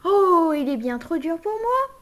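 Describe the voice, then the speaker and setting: Woman voicing a little storybook girl, fussy, polite, high voice, slow. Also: sing-song, heavily acted. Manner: soft, fussy, slow complaints and sighs. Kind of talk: storybook voice acting.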